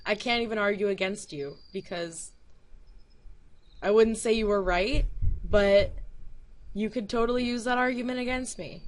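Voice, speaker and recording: A young adult woman giving a casual, digressive rant to camera, laughing mid-sentence and swearing now and then. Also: a little high. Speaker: YouTuber.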